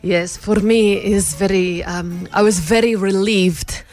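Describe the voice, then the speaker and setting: Woman putting on a heavy Russian accent, cheeky and deadpan. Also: mid-range voice, takes it slowly, natural voice. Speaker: comic World Cup correspondent. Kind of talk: comedic radio interview in character. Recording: music bed behind the voice. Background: music.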